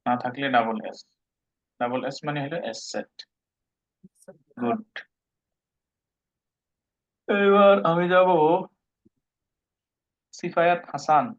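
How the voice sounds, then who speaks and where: A man's voice: a little high, expressive, slow, pauses often. A man teaching a live online language class, patiently explaining pronunciation step by step and mixing in English words. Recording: dull lo-fi online call audio.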